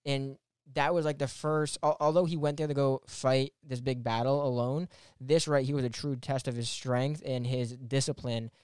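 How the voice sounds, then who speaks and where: Man telling a scene haltingly. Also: mid-range voice, steady tone, darkish tone, clear, resonant tone, no echo, studio quality. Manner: halting storytelling with restarts. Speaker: podcast panelist and timekeeper. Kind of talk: casual movie podcast chat.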